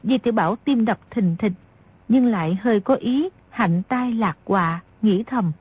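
A woman reading a martial-arts novel aloud as an audiobook narrator, in a steady, measured way. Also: mid-range voice, slightly rough. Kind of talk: scripted storybook narration. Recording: dry, dull lo-fi audio.

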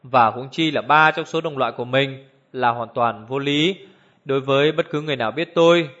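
A man's voice: medium pitch, brisk, fairly bright tone, close to an everyday voice. A man voicing a prim, rigid older woman who speaks in an icy tone, on a dull lo-fi recording.

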